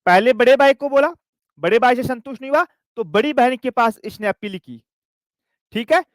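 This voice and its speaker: Man, teacher, high voice, storytelling lecture, dry close recording. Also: animated, no room sound. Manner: storytelling, calls students "dear children"; dictates notes slowly with repetition. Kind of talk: exam coaching lecture.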